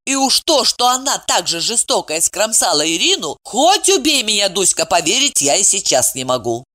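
A woman's voice: medium pitch, big pitch swings, moderate pace, bright, forceful tone. A woman voicing a sly, gossipy woman friend who needles and nags. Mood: needling.

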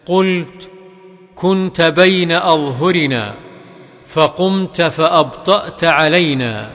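A man reads hadith aloud at a slow, deliberate pace, his voice sitting a little higher than most men's. Some phrases rise into a melodic chant, and a long hall reverb trails after each line. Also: fairly bright tone. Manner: measured, careful reading. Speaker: hadith reader.

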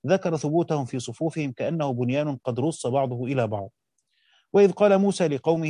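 An Egyptian man gives a quick-paced lesson, reading passages aloud and then explaining them in everyday speech. His voice is mellow and dark, recorded close and dry with no room sound. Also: fairly high pitch, no echo. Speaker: teacher. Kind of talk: reading and explaining a classical text.

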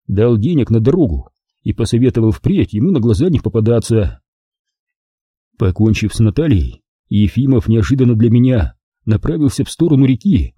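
A man's voice: dark tone, husky, no echo, studio quality. A man reading a detective novel aloud as narrator, voicing every character himself. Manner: reads all characters in one voice, raising pitch for some. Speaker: audiobook narrator.

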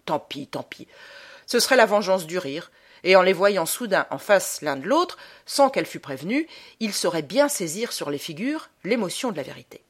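A woman reading a short story aloud in an expressive, measured way. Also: fairly low pitch, husky. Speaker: reader. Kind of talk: audiobook narration of a short story.

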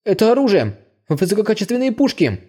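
A sly young thief who snickers to himself and hatches petty schemes, as a male narrator puts him on. The voice sits higher than the reader's own, with a mellow, dark tone and lively swings in pitch. Told as an audiobook. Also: fast. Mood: greedy excitement. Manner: sly, snickering under his breath. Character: sneaky greedy young male thief, nephew. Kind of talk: audiobook character voice.

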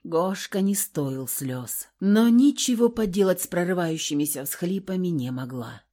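A woman reads a dramatic first-person story in a fairly low voice. Her delivery is intense and expressive. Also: a little slow. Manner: intense, expressive, rising to shouts in dialogue. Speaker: audiobook narrator.

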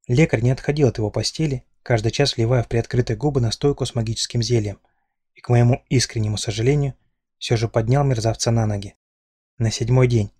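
A man narrating an audiobook in an even, measured storytelling manner. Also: medium pitch, dry recording. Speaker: audiobook reader. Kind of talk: scripted narration.

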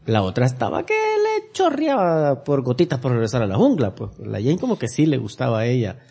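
A man retelling film scenes on a casual podcast, slangy and animated. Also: medium pitch, brisk, vocal fry, breathy edge. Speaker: podcast co-host. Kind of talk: casual movie review chat.

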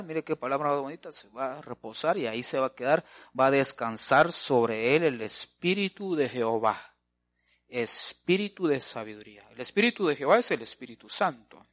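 A pastor preaching a sermon, asking his congregation questions and swinging between loud and soft. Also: mid-range voice.

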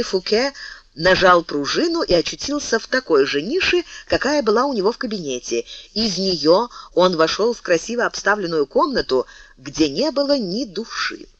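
Expressive male audiobook narrator. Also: high-pitched, moderate pace, dry recording. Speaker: audiobook reader. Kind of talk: audiobook narration of a classic novel. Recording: dull lo-fi dry recording.

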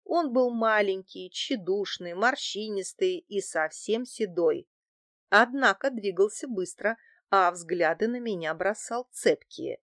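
A woman narrating a first-person audiobook in an even, measured way. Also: mid-range voice, no echo, studio quality.

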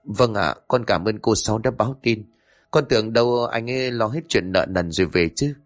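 A man's voice: on the low side, normal speed, lightly acted. A man voicing a hesitant young mother who stammers and pleads. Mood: anxious.

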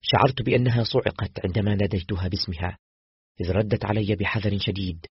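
A man narrating a novel with a deep, very husky voice, moving briskly through the story. The recording is dry and a little dull in tone. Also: dry recording. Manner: steady, quick dramatic narration. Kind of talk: novel read aloud in first person.

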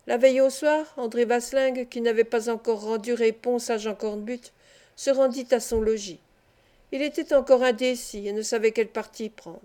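Woman, audiobook narration, fairly high voice, mellow dark tone, calm measured reading. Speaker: audiobook reader. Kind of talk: scripted narration of a classic novel.

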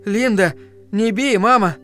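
A small, frightened boy pleads in high, strained cries, as a male audiobook reader puts him on. His voice climbs well above the reader's own. Soft music plays faintly behind him. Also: lively intonation, moderate pace, natural voice. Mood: pleading.

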